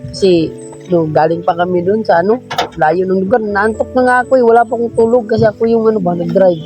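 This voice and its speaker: A vlogger jokes around in relaxed chat, with a mid-level voice. Music plays clearly behind the talk. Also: medium pitch, quick pace. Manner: playful, laughing banter. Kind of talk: casual chat.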